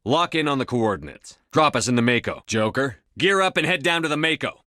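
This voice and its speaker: An actor voicing a resolute, stern starship commander in a video game, with a firm, controlled, commanding delivery. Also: male voice, medium pitch, expressive, fairly quick, bright, forceful tone. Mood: brisk, commanding.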